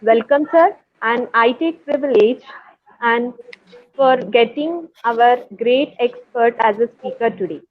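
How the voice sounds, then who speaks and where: A woman's voice: fairly high pitch, a little slow. Indian woman host on a tinny line. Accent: Indian English. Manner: formal and polite. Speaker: host introducing the speaker. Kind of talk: formal introduction.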